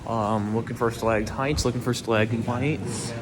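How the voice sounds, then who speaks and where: A man's voice: medium pitch, fairly even intonation, moderate pace. A man vlogging on a cave tour, making casual, joking asides to his camera. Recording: noisy cave camera audio.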